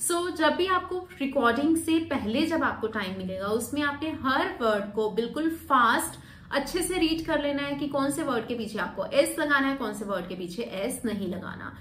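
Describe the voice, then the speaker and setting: A woman teaching exam speaking skills in a Hindi-English video lesson, explaining step by step and reading sample sentences very slowly. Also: sits high, expressive, a bit bright. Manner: explains step by step, slows sharply for demonstration readings. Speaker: PTE exam coaching teacher. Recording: roomy echo with faint background noise.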